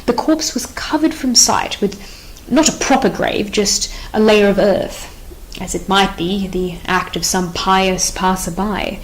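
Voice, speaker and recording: A woman reading the part of a nervous, rambling male soldier in an audiobook play, anxious and excitable in manner. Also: fairly high pitch, poor audio.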